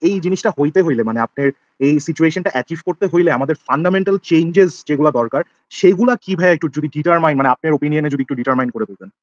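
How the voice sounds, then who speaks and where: A man asks questions at a very quick pace, his voice a touch raised in pitch. His manner is polite and hedging, with frequent filler words. The audio sounds dull and dry, like a call. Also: no room sound. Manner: polite, hedging, fills pauses with "mane" and "right". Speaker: interviewer. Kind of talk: casual interview questions.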